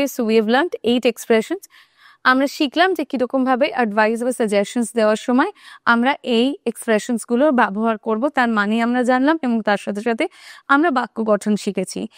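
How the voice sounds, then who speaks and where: Clear-voiced woman teaching English. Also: on the high side, no echo, studio quality. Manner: slow careful English examples inside quick Bengali explanations; checks in often with listeners. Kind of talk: video lesson explaining English phrases in Bengali.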